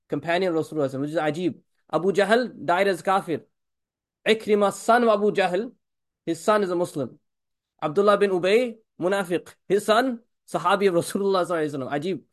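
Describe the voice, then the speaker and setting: A man giving a religious talk as a teacher, preaching emphatically with frequent rhetorical questions to the audience and repeated blessings. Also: high-pitched. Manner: rapid, emphatic preaching with blessings on the Prophet woven in.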